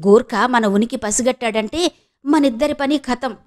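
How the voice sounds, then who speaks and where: Cautious young hero, read by a woman narrator, hushed and wary. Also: a little high, normal speed, natural voice.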